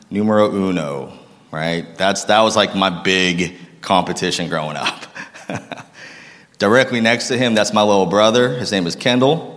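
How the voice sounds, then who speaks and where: Deep-voiced man telling his story in an echoing room. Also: fairly bright tone. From Massachusetts, United States. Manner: casual, self-deprecating, jokes with the crowd. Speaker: speaker sharing his life story. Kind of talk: personal testimony talk to an audience. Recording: long reverb of a large room.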